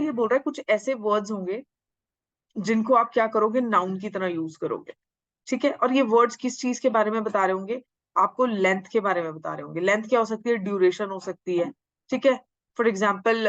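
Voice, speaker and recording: Woman teacher, exam-prep grammar lecture, slow drawn-out lines, dry slightly dull sound. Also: medium pitch, a bit bright, dry recording. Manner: mixes Hindi and English, drawls English sentences slowly, asks and answers own questions. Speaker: English teacher.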